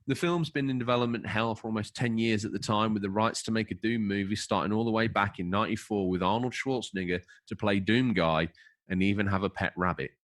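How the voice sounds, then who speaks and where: Man, podcast co-host, low voice, emphatic and jokey, reads from a script. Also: a little fast, a bit bright. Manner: jokey, emphatic, stumbles over names. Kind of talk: casual podcast chat, reading a script.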